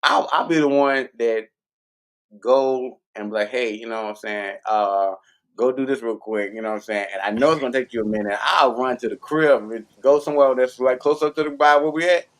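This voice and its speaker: A man's voice: medium pitch, a little fast. A man telling rambling, profane stories in casual chat, acting out both sides of old arguments and often saying "you know what I'm saying". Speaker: podcast co-host. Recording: noisy recording with clicks.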